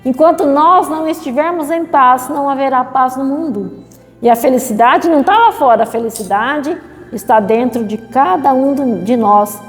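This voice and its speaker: A middle-aged woman with a Brazilian accent giving a spiritual lecture, slow and measured, repeating phrases and adding tag questions. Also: high-pitched, long reverb tail, soft background music. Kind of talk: spiritual talk. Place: spiritist center hall.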